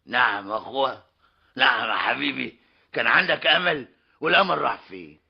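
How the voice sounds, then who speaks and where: A mocking, stubborn older tradesman and father in an old radio comedy drama, with an Egyptian Arabic accent. His gravelly, husky voice swoops up and down theatrically. It comes through a dull, lo-fi old radio recording. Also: medium pitch, lively intonation, brisk. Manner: mocking, theatrical, keeps repeating a polite tag.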